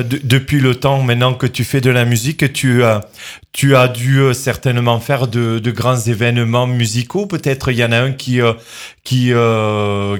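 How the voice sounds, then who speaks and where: A male host introduces tracks and questions his guest, stopping often to restart his sentences. His voice sits at an ordinary middle pitch, and his delivery is halting and conversational. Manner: hesitant, many fillers and restarts. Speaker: radio show host. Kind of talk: hesitant interview questions.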